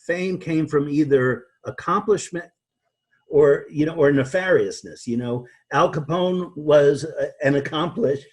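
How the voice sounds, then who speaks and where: A man being interviewed as a guest, talking in a halting way with many restarts and repeated words. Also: on the high side. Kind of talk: conversational interview.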